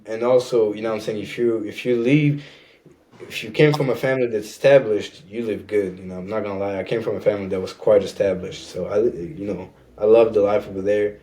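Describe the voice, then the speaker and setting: This podcast guest, a young Rwandan man who speaks French and a Rwandan language as his first, sounds lowish and warm, with fairly even intonation and a slightly fast pace. He chats easily, peppering his casual talk with "you know what I'm saying."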